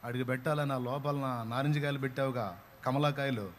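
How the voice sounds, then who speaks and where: A man voicing a tall, calm older man with a staff who speaks soft reassuring words in a told sermon story. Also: mid-range voice, brisk, a little hiss or hum, close to an everyday voice.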